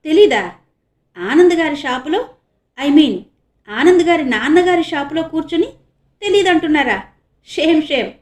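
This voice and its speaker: A woman voicing a bold, sly rich young woman in a storybook reading, loud and teasing. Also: sits high, expressive, unhurried, pauses often, voice pushed up. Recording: echoey room.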